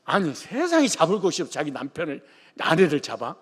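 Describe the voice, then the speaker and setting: A man's voice: fairly high pitch, huge pitch swings, normal speed, breathy edge. A male pastor from the Jeolla region of Korea preaching a sermon in a colloquial, joking manner. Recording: long reverb of a large hall.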